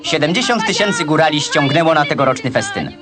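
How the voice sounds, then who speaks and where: A man delivering brisk, declamatory commentary as the narrator of an old 1960s newsreel. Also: on the high side, big pitch swings. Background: loud music.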